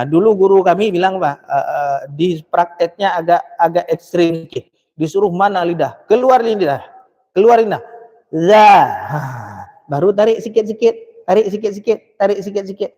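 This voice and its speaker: A man teaching Quran recitation at a dawn mosque lesson, chanting verses slowly and then explaining pronunciation briskly, repeating syllables as demonstrations. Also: high-pitched, a little mellow. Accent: Indonesian. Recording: long mosque reverb.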